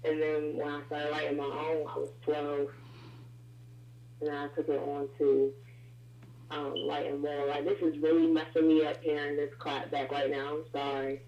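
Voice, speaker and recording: A woman's voice: low voice, little pitch movement, normal speed, a little hiss or hum. A woman calling in as a guest rapper, heard over a phone line with echo and feedback, talking in a loose, chatty way with lots of fillers. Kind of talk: casual call-in interview. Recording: echoey, dull phone line.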